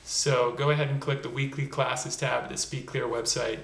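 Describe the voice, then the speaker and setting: Man, pronunciation coach, gravelly voice, roomy echo. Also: medium pitch, little pitch movement, a bit bright. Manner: slow, clearly modeled example words. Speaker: accent reduction coach. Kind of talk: video blog pronunciation lesson.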